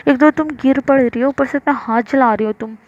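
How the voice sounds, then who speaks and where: A woman's voice: high-pitched, brisk, lo-fi sound, natural voice. A woman voicing a bossy young office woman who scolds her partner, in a plain storytelling read. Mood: scolding.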